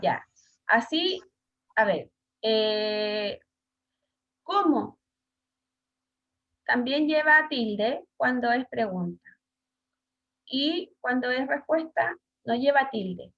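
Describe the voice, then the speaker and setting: A woman's voice: a little high, expressive, slow pace. A woman with a Chilean Spanish accent teaching an online class, hesitant with many fillers and questions to pupils. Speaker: schoolteacher. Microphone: video call. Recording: dull lo-fi video call audio.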